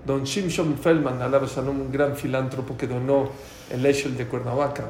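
A man giving a lively sermon, acting out voices of the people and of God as he preaches. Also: medium pitch, moderate pace, roomy sound, slight background noise. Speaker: rabbi.

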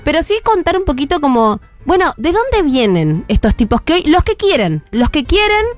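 A woman's voice: high voice, sing-song, moderate pace, faint music behind. An Argentine woman, around her thirties, giving a chatty parenting column on radio with plenty of restarts and fillers. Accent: Argentine Spanish.

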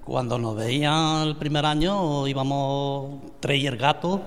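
A man's voice: mid-range voice, fairly even intonation, measured pace, clean tone. An older man from Andalusia telling stories in a radio interview, stumbling and repeating words as he goes. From Andalusia, Spain (La Rambla, Córdoba). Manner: hesitant, repeats words, homely storytelling. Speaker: vice president and founding member of a brotherhood. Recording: reverberant room.

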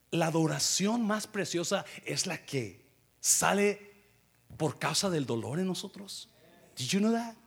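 A man preaching a lively sermon as pastor, acting out scenes, calling out sound effects and laughing. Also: on the high side, breathy edge. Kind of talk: energetic bilingual sermon. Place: church.

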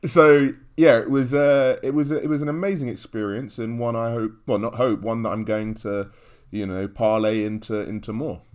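A man's voice: mid-range voice, normal speed, clean tone. Chatty man telling stories. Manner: animated storytelling with frequent fillers and restarts. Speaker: podcast guest and regular, comedian. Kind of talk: casual podcast chat.

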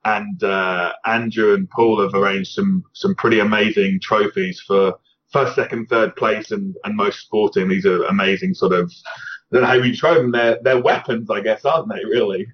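In slightly muffled podcast audio, a Scottish-accented tournament organizer appears as a guest, speaking casually. He rambles and keeps restarting sentences, with a lowish voice, fairly even intonation, and normal speed.

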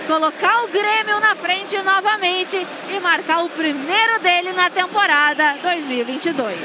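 A woman recapping plays as a reporter on a live football broadcast. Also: extremely high pitch. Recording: noisy stadium broadcast with crowd.

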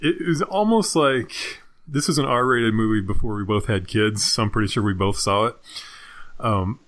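A man's voice: on the low side, normal speed, fairly bright tone. A man co-hosting a casual movie review podcast, playful and laughing often. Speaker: podcast co-host.

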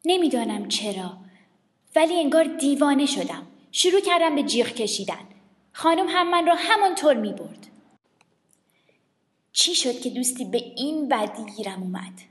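A woman with a high, light voice reads a children's story aloud. She is lively and lends each character a voice of its own. The recording carries a long, roomy reverb, with faint music underneath. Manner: lively, shifts her voice for the characters. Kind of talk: expressive reading of a children's story.

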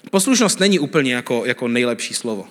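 A man's voice: mid-range voice, big pitch swings, big-room sound. A man in his thirties from the Czech Republic, preaching a conversational sermon and telling everyday stories. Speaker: pastor. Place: church hall.

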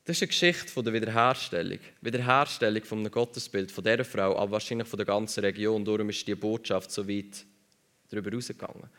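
Preacher guy, gravelly voice, emphatic, keeps repeating lines to hammer points. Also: on the low side, fast, fairly bright tone. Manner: emphatic, repeats phrases for stress. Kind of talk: sermon.

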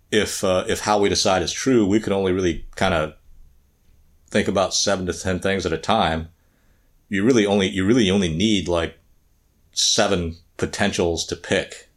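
A man's voice: deep voice, normal speed. A middle-aged man from the American South and Midwest, co-hosting a podcast in casual, rambling, self-deprecating chat. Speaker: podcast co-host.

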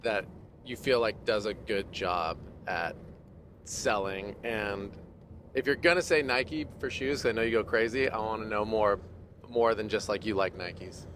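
Host: laid-back man, lowish voice, faint car hum. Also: unhurried, fairly bright tone. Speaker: podcast host. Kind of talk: casual interview. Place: inside a car.

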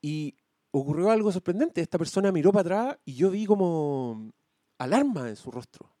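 Man, Chilean accent, fairly high voice, animated, slangy, swears, podcast storytelling. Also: normal speed, no room sound, studio quality. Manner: animated, slangy, swears freely, grows loud telling the story. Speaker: podcast co-host. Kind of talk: casual storytelling chat.

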